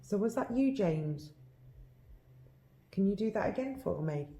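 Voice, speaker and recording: A woman's voice: medium pitch, expressive, measured pace, mellow. A woman ghost hunter calling out to spirits and talking casually in an echoey room. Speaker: paranormal investigator.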